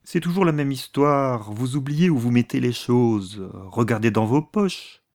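A man voicing a male servant who answers quickly and defensively, reading dialogue for an audiobook. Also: medium pitch, a little mellow, lightly acted.

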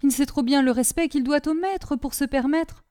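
A devoted sister, gentle and protective, speaking tenderly and pleadingly, as a woman reader gives her voice. The voice is mellow and slightly high, recorded close and dry in a storybook reading. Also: normal speed, dry recording, natural voice.

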